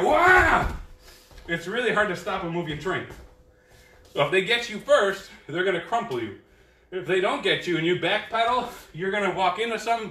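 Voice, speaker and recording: With a sharp tone and a voice that sits high, a man leads an online karate class from a dojo training room, counting drills aloud and explaining self-defense in a laid-back, joking way. The room is echoey, and he sounds far from the mic.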